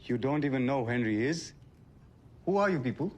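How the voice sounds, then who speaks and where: A man's voice: medium pitch, lively intonation, fairly quick, highs cut off, lightly acted. An actor playing a flustered young British pizza delivery man who keeps insisting, growing exasperated.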